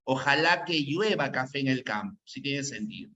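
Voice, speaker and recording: A male teacher gives a grammar lesson in a mid-range voice with lively intonation, a moderate pace and a sharp tone. He repeats his points to drill them home and often checks in with "¿no?" The classroom recording is dull and lo-fi.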